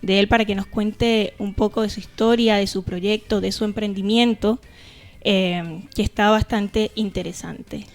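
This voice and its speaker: This podcast co-host, a woman with a Venezuelan Caribbean accent, has a mid-range, creaky voice with a steady tone and a slightly slow pace. The show is a casual conversational chat that begins with a scripted intro.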